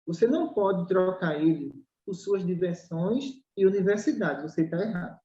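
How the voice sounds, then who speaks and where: Emphatic dark-voiced Brazilian woman, roomy. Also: lowish voice, normal speed. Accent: Brazilian Portuguese. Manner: emphatic, acts out dialogues and fires rhetorical questions. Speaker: spiritual doctor answering questions. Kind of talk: explanatory talk in a spiritual study podcast. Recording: roomy, dull lo-fi recording.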